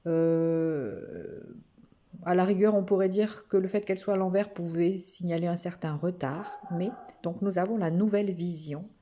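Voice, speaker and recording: A French woman gently reading oracle cards to her viewers, with many pauses and small restarts. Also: lowish voice. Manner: slow, gentle, with frequent hesitations and restarts. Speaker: spiritual card reader. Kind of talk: oracle card reading to camera.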